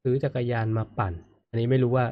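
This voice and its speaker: A man's voice: mid-range voice, fairly even intonation, fast. A man hosts a casual live stream, reading viewer comments aloud and murmuring agreement as his guest talks. His voice sounds slightly muffled and lo-fi. The room adds no echo at all. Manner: frequent murmured "mm" backchannels, reads comments aloud. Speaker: host.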